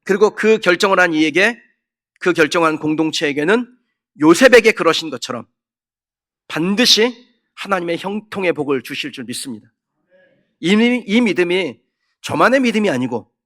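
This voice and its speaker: A man's voice: on the high side, animated, normal speed, a bit bright. A man, a pastor, preaching a sermon in earnest, asking rhetorical questions and now and then rising sharply for emphasis. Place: church sanctuary.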